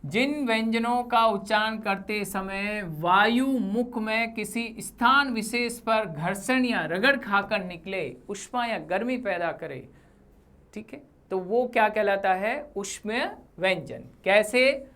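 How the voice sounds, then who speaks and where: Woman teacher, slow measured delivery, mid-pitched voice, lesson narrated over slides. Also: fairly bright tone. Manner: slow, deliberate, spells out sounds with example words. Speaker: Hindi grammar teacher. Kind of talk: exam-prep lesson.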